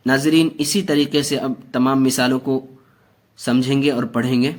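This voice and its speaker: A man teaching Quran reading, drawing out each syllable slowly and then explaining the rules quickly. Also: medium pitch, fairly even intonation, a little mellow. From South Asia. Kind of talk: spelling-out recitation lesson.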